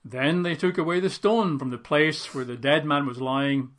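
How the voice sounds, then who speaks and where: A man with a slightly raised voice works through a scripture passage. He reads the verses, then breaks off into informal asides full of fillers. The tone is that of a relaxed Bible teacher talking it through with a group. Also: fairly high pitch, normal speed. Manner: conversational asides with fillers, dramatizes quoted lines.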